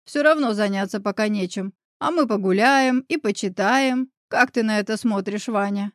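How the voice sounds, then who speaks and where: A woman's voice: mid-range voice, moderate pace, no room sound, clean studio sound, close to an everyday voice. A woman doing a shy apologetic young man. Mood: embarrassed. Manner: embarrassed, soft-spoken. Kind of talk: audiobook character voice.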